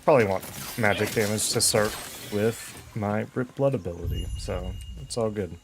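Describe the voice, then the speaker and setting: A man's voice: lowish voice, normal speed, music in the background. A man giving casual game commentary, easygoing and thinking aloud as he plays. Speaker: game streamer.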